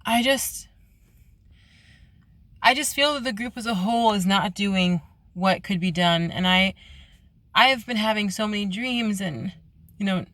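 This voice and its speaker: A woman's voice: mid-range voice, pushed and bright, no room sound. An earnest young woman records a late-night confessional vlog in her parked car. She halts and restarts often as she speaks. The sound is dry, with little room around her. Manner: earnest, halting, with many restarts. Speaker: vlogger.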